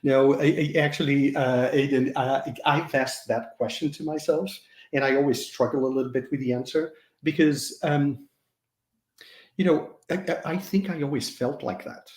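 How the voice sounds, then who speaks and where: A man in his fifties, from Mozambique and raised in Portugal, speaks as a podcast guest, answering earnestly but haltingly, with many fillers and restarts. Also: medium pitch, fairly even intonation, darkish tone. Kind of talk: hesitant conversational interview answers. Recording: roomy echo.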